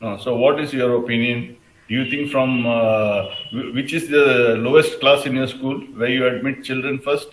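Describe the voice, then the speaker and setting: A man with an Indian accent leading a class debate, deliberately questioning and probing his students. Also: medium pitch, fairly even intonation. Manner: deliberate, probing, repeats answers back. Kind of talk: interactive lesson, questioning students. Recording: echoey room sound.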